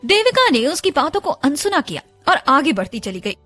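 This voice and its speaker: High, expressive woman storyteller. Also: normal speed, soft background music. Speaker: radio jockey narrator. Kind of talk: scripted audiobook narration.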